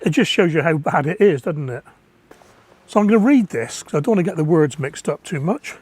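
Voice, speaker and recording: A man's voice: a little high, darkish tone, no room sound. An older man, talking casually and indignantly to camera as a gardening vlogger, hammering home key words. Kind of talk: casual vlog commentary.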